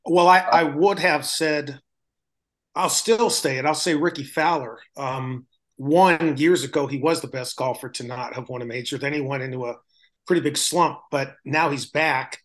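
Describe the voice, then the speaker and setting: A man's voice: fairly high pitch, moderate pace. An older man co-hosting a casual sports podcast, plain and matter-of-fact. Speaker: podcast co-host.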